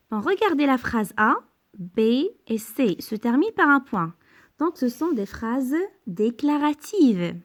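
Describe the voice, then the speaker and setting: A woman teacher giving a grammar lesson, speaking slowly and deliberately, repeating sentences and exaggerating the rise on questions. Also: a little high, darkish tone. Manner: slow and deliberate, repeating and translating each sentence; exaggerated rising intonation on questions. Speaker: French teacher.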